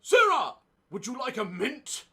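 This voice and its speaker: A man voicing a cheeky male sock puppet that hosts a channel, squeaky and mock-upbeat. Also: wildly swooping pitch, measured pace, pushed and bright, heavily acted. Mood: chirpy. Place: home office.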